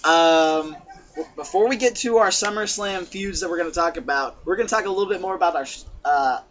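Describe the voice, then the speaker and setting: A man's voice: high-pitched, a little fast, a bit bright. A man hosting a casual wrestling podcast, laughing often and steering the talk along, on a muffled lo-fi recording. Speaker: podcast host. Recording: muffled lo-fi recording with faint hiss.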